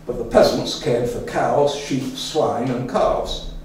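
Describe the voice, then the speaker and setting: A man's voice: mid-range voice, slow pace, a little mellow. Older man lecturing in an echoey room. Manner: rambling, chatty, with many fillers and restarts. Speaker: speaker giving a talk to a local society. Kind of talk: informal lecture. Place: meeting room with an audience. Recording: echoey room, mic far off, faint room noise.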